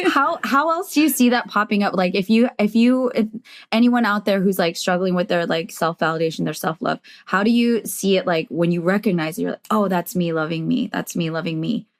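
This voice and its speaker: A woman's voice: medium pitch, moderate pace. Sniffly, chatty woman podcast host. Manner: affirming, chatty, full of filler "like". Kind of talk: casual interview chat.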